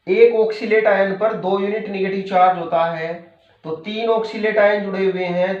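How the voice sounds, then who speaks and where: A male chemistry teacher lectures patiently and keeps repeating the key terms. His voice sits high. The recording is dull and lo-fi, with a roomy echo around him. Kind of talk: classroom lecture. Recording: echoey room, dull lo-fi sound.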